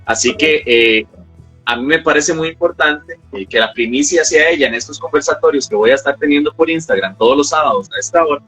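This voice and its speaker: A man's voice: a little high, a little fast, bright, forceful tone, husky, soft background music, poor audio. A man hosting a casual interview chat, hesitant with many fillers. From Costa Rica. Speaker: host.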